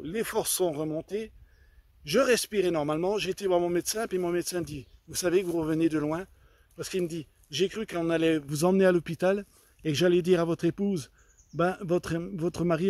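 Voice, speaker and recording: A man giving an earnest personal faith testimony, halting and often repeating himself as he retells conversations in his own voice. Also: high-pitched, a little mellow, dry recording. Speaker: church member giving a testimony.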